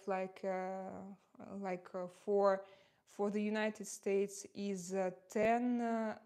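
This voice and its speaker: Doing her makeup live, a forty-something streamer chats in English with a noticeable Russian accent at an easy, unscripted pace. Her mid-range, darkish voice often pauses on fillers and restarts sentences as she reads viewer comments to her audience in a chatty, halting manner.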